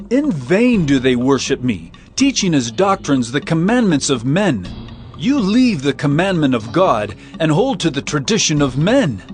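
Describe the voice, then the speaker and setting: Man acting an emphatic Jesus, swooping pitch. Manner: emphatic, declamatory. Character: Jesus, stern adult male teacher rebuking and instructing. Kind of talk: dramatized scripture reading. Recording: music behind the voice.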